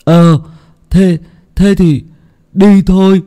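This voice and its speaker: A man doing a loud cheeky village boy. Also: high voice, steady tone, extremely slow, pitched above the performer's own voice. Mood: impatient. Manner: shouty, cheeky, laughing.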